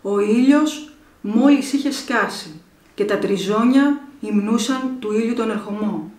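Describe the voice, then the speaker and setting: A woman storyteller reading a folk tale aloud in a measured, expressive way, in an echoey room. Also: fairly high pitch. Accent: Greek.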